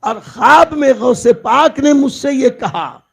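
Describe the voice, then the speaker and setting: A man's voice: very high voice, expressive, slow, creaky, fairly bright tone, husky. A man preaching a devotional sermon, telling stories of saints and addressing the audience as his friends. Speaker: Islamic preacher. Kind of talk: Urdu sermon storytelling. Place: large gathering, public address.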